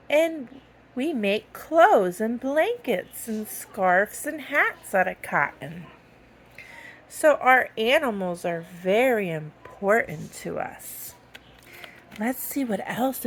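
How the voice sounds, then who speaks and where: A woman's voice: mid-range voice, a little hiss or hum. A woman presenting to small children in simple words, as if reading to a toddler, with sing-song questions and playful delivery. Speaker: presenter of a children's educational video. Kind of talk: simple talk to toddlers about toys.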